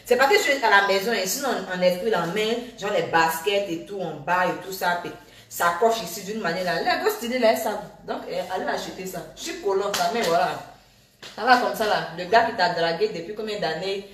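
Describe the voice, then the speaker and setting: A woman's voice: mid-range voice, brisk, recorded from a distance, slight background noise. Woman doing a live from home, chatty and fired up, echoey room, sits a bit off the phone. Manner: animated, repetitive, scolding then laughing. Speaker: social media personality. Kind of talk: casual live video to followers. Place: at home, indoors.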